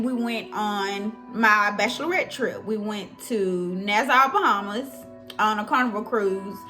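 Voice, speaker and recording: A young woman vlogging in a casual storytelling style, talking to her viewers in an expressive, chatty way. Her voice sits a little high and sounds very bright and sharp. Soft music plays faintly behind her.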